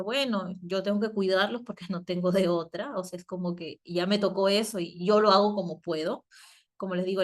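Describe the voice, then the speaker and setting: Peruvian woman teaching an online class. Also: medium pitch. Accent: Peruvian Spanish. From Peru. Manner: asks the class questions, many fillers and tag questions. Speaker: psychologist and teacher. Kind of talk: virtual class lecture. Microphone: video call.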